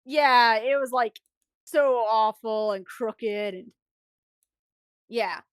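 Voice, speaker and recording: A woman streamer casually retelling a story, animated and rambling, often restarting her sentences. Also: on the high side, extremely slow, clear, resonant tone, dry recording, clean studio sound.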